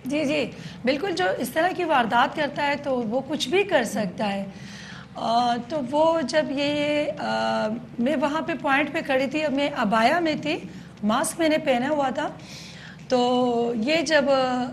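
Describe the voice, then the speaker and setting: A woman police station chief giving a news interview, explaining in detail with frequent hesitant pauses. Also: high voice, slight background noise.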